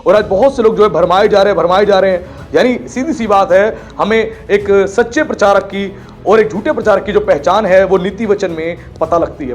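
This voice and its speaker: A man preaching a sermon with passion, acting out the people he describes as he goes. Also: sits high. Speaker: pastor.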